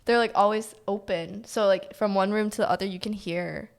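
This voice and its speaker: A woman's voice: mid-range voice, steady tone, moderate pace, creaky. A young adult woman talking as a podcast guest in a rambling, casual way, filling her sentences with "like". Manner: rambling, heavy use of "like". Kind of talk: casual chat.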